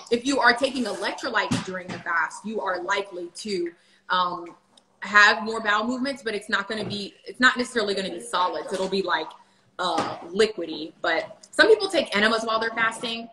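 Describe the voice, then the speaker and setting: Chatting casually on a livestream from her home kitchen, a woman in her thirties answers viewer questions with lots of fillers as a phone camera on the table records. This vlogger has an animated, mid-range voice at a normal speed. The room sounds echoey, with background noise.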